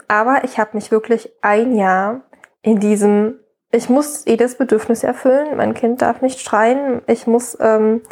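A woman's voice: fairly high pitch, a little mellow. A woman in her thirties, a guest mother, talking openly in a casual interview with many restarts and "ne?" tags. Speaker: guest, mother of a colicky baby.

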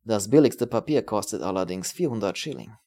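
A man voicing a worldly male exile with a brisk, matter-of-fact manner, a touch louder than his narration. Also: on the low side, expressive, gravelly.

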